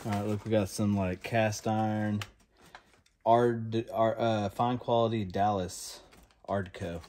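A man, chatting excitedly and rambling as he unpacks boxes in a cluttered storage room. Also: lowish voice, takes it slowly, slight background noise. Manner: excited, rambling, talks to viewers as y'all. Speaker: storage unit reseller host. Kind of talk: casual unboxing chat.

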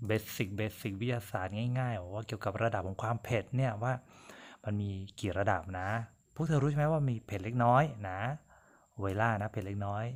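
A man giving a casual language lesson, patiently repeating each word and explaining it with polite endings. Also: on the low side. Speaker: Chinese language teacher.

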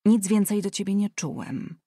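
A woman reading an audiobook voices a kind, frank young man who speaks calmly and persuasively. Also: medium pitch, moderate pace, breathy edge, dry recording, studio quality. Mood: earnest.

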